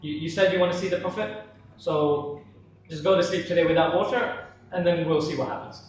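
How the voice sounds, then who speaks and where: A man voicing a calm, wise sheikh who speaks firmly, in his ordinary storytelling voice. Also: fairly high pitch, brisk, close to an everyday voice. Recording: very echoey room, voice from far off.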